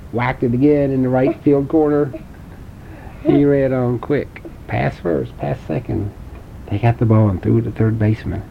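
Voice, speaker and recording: A man telling a playful made-up bedtime story, adding sound effects and asking the listener questions. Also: vocal fry. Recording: dull lo-fi home recording with faint rumble.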